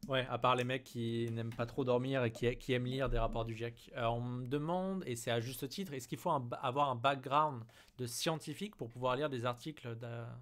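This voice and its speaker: A man's voice: medium pitch, fairly even intonation, moderate pace, hardly any pauses, fairly bright tone. A man with a French accent hosting a live stream, chatting loosely and relaying questions from the chat. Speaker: host.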